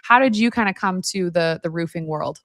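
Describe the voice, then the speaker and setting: A woman's voice: on the low side, moderate pace, a bit bright, dry recording. Woman podcast host, close dry sound. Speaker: podcast and live stream host. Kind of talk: conversational interview.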